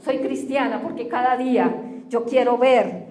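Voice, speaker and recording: A woman pastor delivers a sermon in a high voice, pressing her listeners with rhetorical questions. Her voice rings through a roomy church. She addresses the congregation directly as she preaches. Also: fairly even intonation, unhurried, a crowd in the background.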